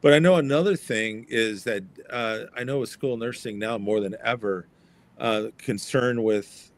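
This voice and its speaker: A man's voice: on the low side, no echo. Man, podcast host, casual interview, conversational, fillers and restarts.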